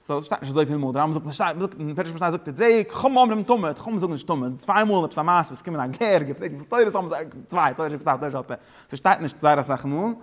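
A man teaching a religious study lesson, explaining in a rapid, rambling way and dropping English words into his talk. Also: a little high, a bit bright.

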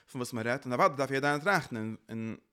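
A man's voice: mid-range voice, fast talker, sharp tone, smooth. A man giving a religious lecture as a teacher, earnestly circling back to restate his points.

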